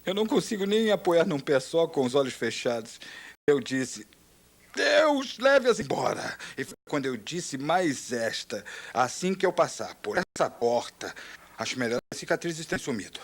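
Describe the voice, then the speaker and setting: Man, war veteran, dubbed testimony, mid-range voice, earnest, hushed to loud outcries. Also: mid-range voice, animated, normal speed.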